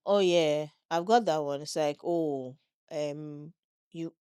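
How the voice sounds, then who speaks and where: Deep, dark and smooth, this middle-aged woman's voice moves slowly as she co-hosts a laid-back podcast in a Nigerian accent. She's conversational, guiding the chat toward new subjects and asking "do you get what I mean." The studio recording has no echo.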